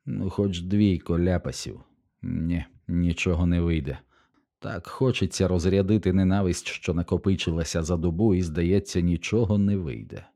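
Man voicing a contemptuous, weary nobleman in an audiobook, deep, mellow and unhurried. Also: steady tone. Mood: brooding. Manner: cold, contemptuous, measured. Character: cold, haughty nobleman, weary of violence.

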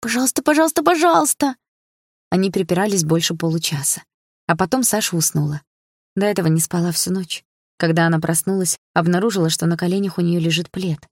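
A woman narrating an audiobook in an even, measured reading. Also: on the low side, no room sound, clean studio sound. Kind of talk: scripted narration.

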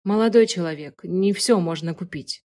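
Curt elderly nurse, stern and grudging, pitched up; woman reader doing the voice. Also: normal speed, natural voice.

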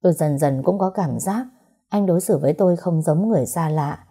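Một phụ nữ kể chuyện đời mình ở ngôi thứ nhất, giọng đều, nhỏ nhẹ, tâm tình. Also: female voice, fairly low pitch, a little fast, dark tone, slightly rough. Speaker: storyteller. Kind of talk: first-person story narration.

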